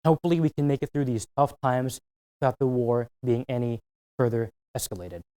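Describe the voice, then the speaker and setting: A man's voice: mid-range voice, a little fast, heavy background noise. A young man reporting world news as a correspondent, in a serious, grave tone.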